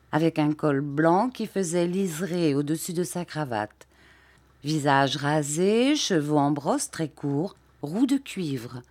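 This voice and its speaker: Slow, measured woman narrating an audiobook. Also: deep voice, a little mellow. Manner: measured, unhurried. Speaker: audiobook reader.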